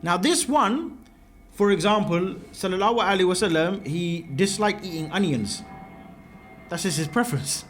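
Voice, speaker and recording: Male lecturer, high and lively voice, explains terms one at a time and asks "yeah?" to check students follow. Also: normal speed, faint music behind. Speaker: religious teacher. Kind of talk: classroom lecture.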